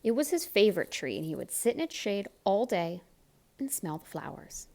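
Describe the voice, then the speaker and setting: A woman's voice: mid-range voice, sing-song, moderate pace, creaky, a little mellow. A woman reading a children's story aloud expressively, with chatty asides and questions to the young listener. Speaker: picture-book reader.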